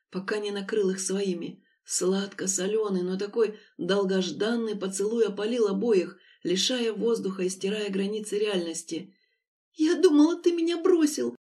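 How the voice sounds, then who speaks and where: Audiobook narrator: woman, mid pitch, expressive dramatic reading. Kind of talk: scripted narration.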